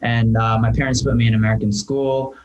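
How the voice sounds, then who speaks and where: A man, speaking as a guest on a podcast interview. His voice sits in an ordinary middle pitch. He talks thoughtfully and casually, often pausing on "um" and restarting his sentences. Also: level tone, a little mellow, lo-fi sound. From Japan. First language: Japanese. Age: 30s. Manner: thoughtful, with frequent ums and restarts. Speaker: entrepreneur guest. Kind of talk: casual conversational storytelling.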